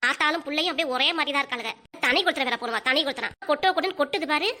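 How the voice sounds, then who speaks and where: Brief: woman voicing a harsh scolding cartoon mother-in-law, bright tense tone. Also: high voice, rapid-fire.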